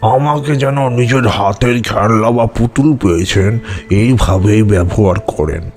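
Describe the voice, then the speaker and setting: For an audio horror drama, a man with a lowish voice plays an old tantric. He recounts eerie memories slowly and deliberately.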